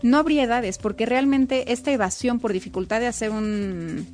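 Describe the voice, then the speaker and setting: A woman's voice: fairly high pitch, normal speed, darkish tone, faint music behind. A woman, a child development specialist, explaining emphatically in a casual conversation. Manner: explanatory, emphatic, quotes parents in raised voice. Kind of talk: casual expert chat.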